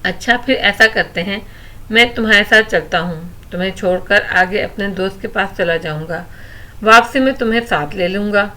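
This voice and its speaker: A woman's voice: mid-range voice, close to an everyday voice. A woman voicing a kind, good-humoured middle-aged father in a read-aloud novel. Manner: warm-hearted and good-humoured.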